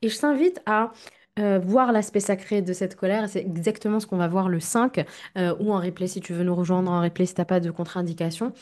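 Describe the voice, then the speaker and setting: A woman's voice: fairly low pitch, steady tone, brisk, darkish tone. A woman hosting a self-help podcast, talking straight to the listener and checking in with "ok?". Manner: direct, speaks straight to the listener with frequent "ok?". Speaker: therapist and podcast host.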